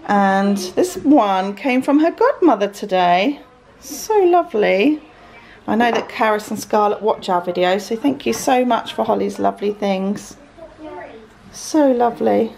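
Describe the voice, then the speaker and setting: Creaky and darkish in tone, her medium-pitched voice is animated and unhurried. She's an Englishwoman in her thirties who vlogs her family life, chatting affectionately with her children in the rooms and garden at home, and the camera microphone gives noisy handheld audio.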